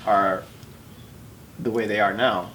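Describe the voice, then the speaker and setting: A man's voice: on the low side, steady tone, moderate pace, fairly bright tone, a little hiss or hum. A man hosting a casual interview, speaking earnestly and repeating himself as he gets a point out. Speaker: host.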